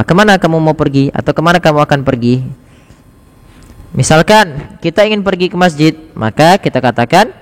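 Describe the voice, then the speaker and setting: A man giving a casual spoken language lesson, saying phrases slowly and clearly, then explaining them in an easy, chatty way. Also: a little high, long reverb tail. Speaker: Arabic teacher.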